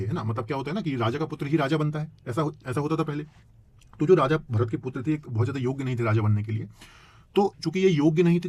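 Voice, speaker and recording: Fast-talking male geography teacher. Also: medium pitch, darkish tone, slight background noise. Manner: explains with questions, frequent tag "है ना". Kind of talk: classroom lecture.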